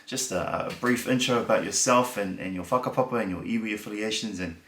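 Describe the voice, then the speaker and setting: A man's voice: lowish voice, a little fast, a bit bright. A man from New Zealand with a New Zealand accent, hosting a podcast and interviewing a guest in a friendly, casual way. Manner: friendly, with short encouraging replies. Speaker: podcast host. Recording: roomy echo.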